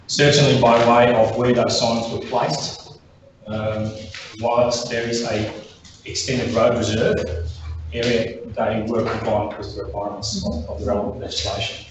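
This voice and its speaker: Flat, quick Australian man explaining rules. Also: lowish voice. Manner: quick, technical, with fillers. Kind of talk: answering at a council meeting. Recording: echoey, distant, noisy room recording.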